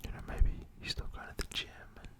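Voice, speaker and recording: A man doing a rambling, casual ASMR chat in a soft, breathy whisper close to the mic, with a gentle, informal, reassuring manner. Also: a little fast. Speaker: ASMR creator.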